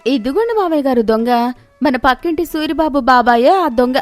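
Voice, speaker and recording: Woman as shrill, bold young daughter-in-law; loud, high and sharp. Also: lively intonation, normal speed, no echo, soft background music. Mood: teasing. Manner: shrill shouting calls for help.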